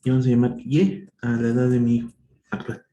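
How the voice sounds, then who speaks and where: This is a man tutoring math live over the internet, talking through each step and revising himself along the way. He speaks at a medium pitch with a flat but warm delivery, unhurried and patient. Echo and faint noise mark the room.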